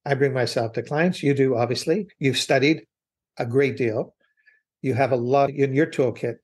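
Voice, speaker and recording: A man with a medium-pitched, darkish voice and a breathy edge speaks at a normal pace as a business consultant being interviewed. Earnest and reflective, he gives long, winding answers with several restarts.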